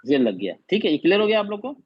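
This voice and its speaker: A male teacher with a slightly high, husky voice takes his class through each step slowly and patiently. He keeps checking that the students have understood by asking them questions again and again. The audio is muffled and lo-fi. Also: very animated. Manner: patient, quizzing students repeatedly. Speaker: Quran teacher. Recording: dull lo-fi audio.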